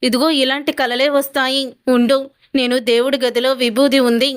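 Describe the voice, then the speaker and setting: A stern mother-in-law who scolds and demands answers, as a woman storyteller reads her out. The voice is high and smooth, recorded close and dry. She questions sharply and orders her family about. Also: little pitch movement, moderate pace, no echo, lightly acted. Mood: scolding.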